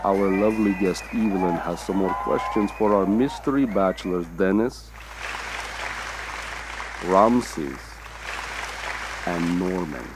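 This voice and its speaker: A man's voice: sits low, takes it slowly, pauses often. A man voicing a campy Dracula who hosts a dating game show in a comedy animation, flirty, teasing and full of puns. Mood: showy, teasing. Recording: noisy, with crowd sounds behind.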